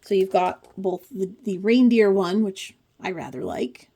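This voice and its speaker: Unhurried and warm, a woman in her forties with a medium-pitched voice talks through a pattern book flip-through. She's an informal craft host, chatty and dryly funny, tossing in wry asides.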